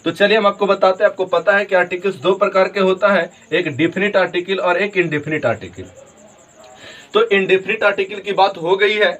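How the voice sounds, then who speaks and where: A male teacher with a rather high voice walks students through a grammar lesson. He explains patiently and repeats points, and he often stops to check that they are following and to spell words out letter by letter. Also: fairly quick, fairly bright tone, lo-fi sound. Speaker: English teacher.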